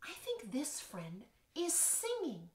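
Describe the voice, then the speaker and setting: A woman's voice: high-pitched, wildly swooping pitch, takes it slowly. A woman in her thirties, a music teacher leading a children's lesson from home with a playful, sing-song manner. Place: living room at home. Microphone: camera across the room. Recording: echoey living room.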